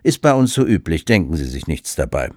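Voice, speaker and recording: A cheeky, brash young man rattles off his lines fast and offhand, as a storybook reader puts him on. His voice bounces around, lively and dry. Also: rumbling low, dry recording, voice pushed down, full character voice.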